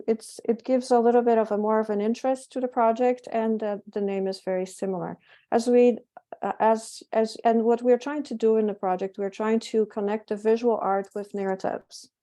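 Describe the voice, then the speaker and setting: Mellow-voiced Polish-accented woman presenter. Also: medium pitch. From Poland. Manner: halting, with frequent self-corrections and fillers. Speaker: presenter, physician and project curator. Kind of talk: public lecture presentation.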